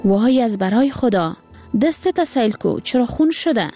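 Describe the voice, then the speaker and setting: A woman voicing a poor, hopeful mother and wife, speaking in lively exclamations. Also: mid-range voice, creaky, faint music behind. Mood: exclaiming.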